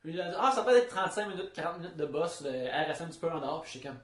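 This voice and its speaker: A man with an Abitibi Quebec French accent chats casually, telling anecdotes. His voice sits a little high for a man, and the room around him echoes clearly. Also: lively intonation, fast talker. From Abitibi, Quebec, Canada. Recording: roomy, echoey room sound.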